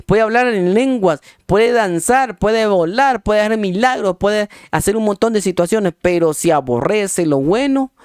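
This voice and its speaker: Emphatic preacher with a clear, high-ish voice. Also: male voice, no echo, studio quality. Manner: emphatic, repetitive preaching with slow spelled-out definitions; folksy asides to the congregation. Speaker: pastor. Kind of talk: sermon.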